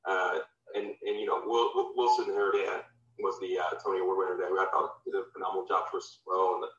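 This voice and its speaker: A former football player turned filmmaker from Louisiana, talking loosely in an interview with lots of fillers and restarts. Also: male voice, deep voice, flat delivery, fast talker, fairly bright tone. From Louisiana, USA. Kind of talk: casual interview. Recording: distant, roomy, dull remote audio.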